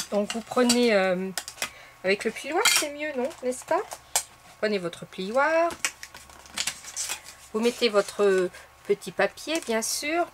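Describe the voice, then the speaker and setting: A woman hosting a casual crafting tutorial, explaining each step in a chatty way with soft fillers. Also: on the high side, noisy background. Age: adult. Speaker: craft video host.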